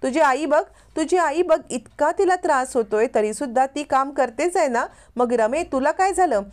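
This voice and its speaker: A woman's voice: high-pitched, lively intonation, normal speed, darkish tone. A woman voicing a stern older woman of the house who scolds and gives orders. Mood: scolding. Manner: scolding, bossy.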